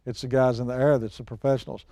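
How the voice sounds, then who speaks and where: In a dry recording, a fast-talking man with a warm, medium-pitched voice that barely moves in pitch chats casually about hunting. Middle-aged or older, he's a guest expert and outdoors show personality who spins stories in a plain-spoken, folksy manner.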